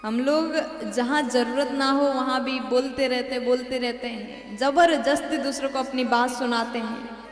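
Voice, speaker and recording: High-voiced woman preaching slowly in a hall. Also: fairly even intonation. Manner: slow, preachy, addresses the crowd directly. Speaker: katha preacher. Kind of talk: devotional sermon storytelling. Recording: echoey hall with faint music.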